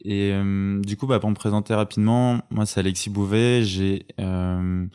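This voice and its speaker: Guest: a young man in his twenties, very deep voice, easy chatty delivery. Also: moderate pace, clear, resonant tone. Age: 20s. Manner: relaxed, chatty, frequent fillers. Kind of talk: casual conversational interview.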